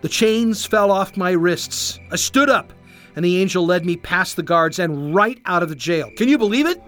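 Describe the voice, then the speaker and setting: A storyteller voicing a calm, earnest man telling of his escape in a children's storybook. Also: sits high, normal speed, soft background music. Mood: amazed. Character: calm male apostle, gentle and earnest.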